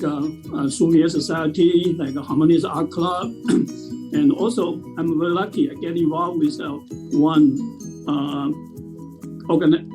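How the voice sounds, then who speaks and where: A man's voice: on the high side, low-quality recording. A man in his sixties from Taiwan, talking casually with frequent fillers and restarts. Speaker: presenter at a talent show. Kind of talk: casual talk.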